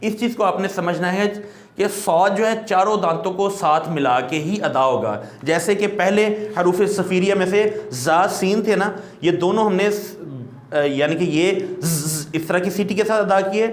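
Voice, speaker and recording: High-voiced man teaching recitation, roomy echo. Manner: explains patiently, then draws out letter sounds as long demonstrations. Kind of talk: classroom lesson.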